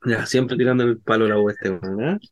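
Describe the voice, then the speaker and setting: A man's voice: on the low side, fairly even intonation, a little fast. A middle-aged man with a Chilean accent, a radio co-host in casual banter, teasing and sending greetings on air. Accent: Chilean Spanish.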